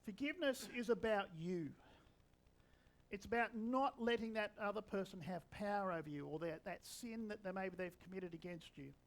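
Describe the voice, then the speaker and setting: A preacher in his sixties with a notably high voice delivers his sermon. He talks to the congregation in a relaxed, conversational way, slipping in dry bits of humour. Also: moderate pace, poor audio. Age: 60s.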